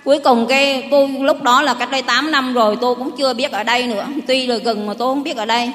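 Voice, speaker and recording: Lady, middle aged, high voice, rambly heartfelt church testimony. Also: steady tone, fast talker, fairly bright tone, faint music behind. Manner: rambling, heartfelt storytelling with many restarts. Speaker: parishioner giving testimony. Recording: long hall reverb.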